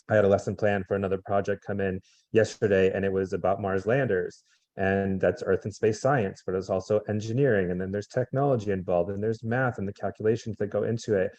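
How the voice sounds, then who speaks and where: A man, a veteran teacher, calmly explaining lesson plan requirements in a webinar over a video call. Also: on the low side, a little fast, no echo, lo-fi sound. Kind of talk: webinar briefing.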